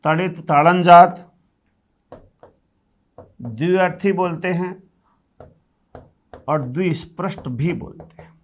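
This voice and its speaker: A male Hindi grammar teacher gives a classroom lecture in a high-pitched voice, going slowly and pausing often. He explains things step by step, poses questions and answers them himself, and repeats key terms.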